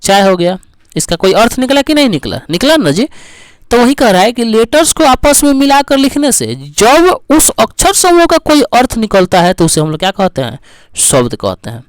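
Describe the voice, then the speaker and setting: Man teaching grammar with a tinge, smooth clear voice, stretches out english words, dry close sound. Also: extremely high pitch, very animated, moderate pace, no echo. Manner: asks the class questions and answers them himself. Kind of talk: lesson.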